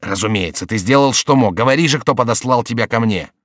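A man's voice: mid-range voice, fast talker, fairly bright tone, no echo, studio quality, natural voice. A man voicing an enraged, scheming male lawyer who questions a captive in a harsh, menacing tone.

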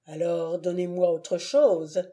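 A woman's voice: on the low side, steady tone, takes it slowly, mellow. A woman reading an audiobook, voicing a young male clog-maker who speaks in a blunt, curt way. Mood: uneasy.

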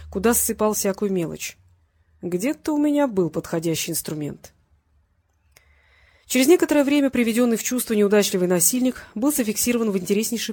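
A woman narrates a crime audiobook in a steady, even storytelling voice. Her tone is husky and slightly breathy, at an ordinary middle pitch for a woman. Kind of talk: scripted narration.

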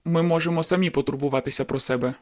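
A woman's voice: sits low, fairly even intonation, brisk, a little mellow, pitched below the performer's own voice. A woman voicing a hot-tempered young male werewolf in an audiobook, with clipped, bitter retorts. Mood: curt.

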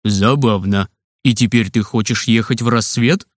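A man voicing a calm, dryly amused father in a storybook reading. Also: mid-range voice, normal speed, no room sound, clean studio sound, pitched below the performer's own voice, lightly acted. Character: calm wry father, dry and patient.

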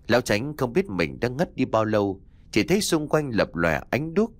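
A man narrating a ghost story in an expressive, dramatic reading voice. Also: medium pitch, moderate pace, dry recording.

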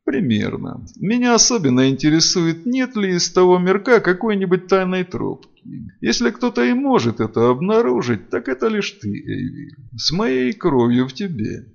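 A man voicing a stern male dark mage lord who speaks in a commanding, cutting way. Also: sits high, very animated, moderate pace, gravelly, few pauses, voice pushed up, exaggerated voice. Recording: dull lo-fi audio.

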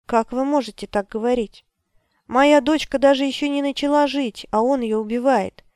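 A desperate young mother begs in a raised, tearful voice, as a woman reader puts her on. The tone is smooth and clean. The read is dry and close, with no room around it. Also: normal speed, darkish tone, no room sound, lightly acted. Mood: sobbing. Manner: high, pleading, close to tears.

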